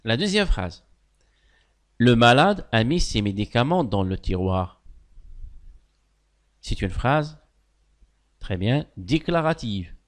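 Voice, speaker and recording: Slow, emphatic male grammar teacher. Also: medium pitch, sing-song. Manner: slow, deliberate, praises pupils' answers; stresses key words with sudden loud lifts. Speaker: primary school French teacher. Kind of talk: classroom grammar lesson.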